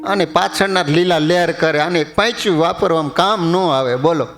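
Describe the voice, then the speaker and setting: Male preacher, high voice, storytelling sermon, faint music behind. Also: a bit bright. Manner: storytelling, quotes verses in slow chant. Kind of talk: sermon with humorous stories.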